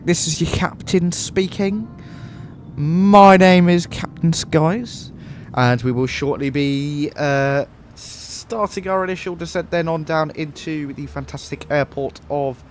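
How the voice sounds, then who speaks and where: A man playing a joking male airline captain making a cockpit cabin announcement, in a slow, formal announcer delivery that turns into cheeky insults. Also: fairly high pitch, a little hiss or hum. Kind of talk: mock cockpit announcement during a flight-sim stream.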